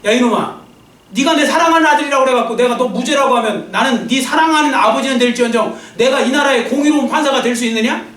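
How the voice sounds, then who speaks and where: A man voicing a stern but loving male judge who scolds his son gruffly. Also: very high voice, quick pace, fairly bright tone. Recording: echoey church sound from a distant mic.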